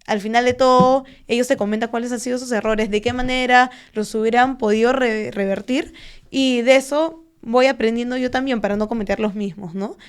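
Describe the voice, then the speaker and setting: Woman in her 20s, smooth clear voice, kinda high, calm explainer w/ lots of ehs and ¿no?s. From Peru. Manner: measured, explanatory, frequent fillers and tag questions. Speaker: guest, stock trader and finance content creator. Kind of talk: conversational interview.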